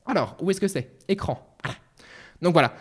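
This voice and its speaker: An excitable man in his twenties hosts a casual livestream chat. His voice sits very high for a man and swings widely up and down. He swears freely and keeps breaking into playful outbursts. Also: normal speed, husky. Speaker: streamer.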